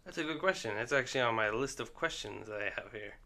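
Rambling casual man, bright voice. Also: mid-range voice, expressive, gravelly. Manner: rambling, halting, many fillers and restarts. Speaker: podcast co-host. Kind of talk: casual chat. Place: indoor basement room.

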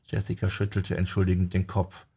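Deep, husky male audiobook narrator. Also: level tone, a little fast, mellow.

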